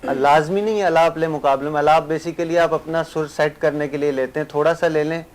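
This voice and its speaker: A man's voice: on the high side, steady tone. Man judging singers, demonstrates phrases. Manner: advising, sings short demonstration phrases. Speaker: naat competition judge. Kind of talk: studio panel critique.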